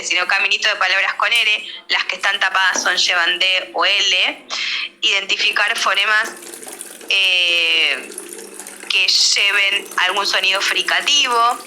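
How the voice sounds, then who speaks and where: A woman's voice: mid-range voice, sharp tone, slight background noise. A woman giving a speech therapy lecture in a teacherly way, often checking in with her listeners. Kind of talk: online lecture with slides. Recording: roomy echo.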